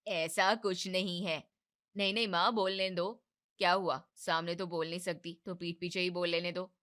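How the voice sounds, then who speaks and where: A woman's voice: fairly even intonation, moderate pace, close to an everyday voice. A woman voicing a young husband in a cartoon family drama, placating his wife and mother. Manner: soft, placating, lower voice. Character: young husband, soothing and evasive.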